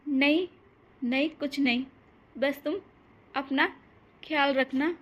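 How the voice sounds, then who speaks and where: A woman voicing a gentle young daughter-in-law in a cartoon story, speaking softly and hesitantly. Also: high voice, steady tone, slow pace. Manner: soft, pleading, hesitant.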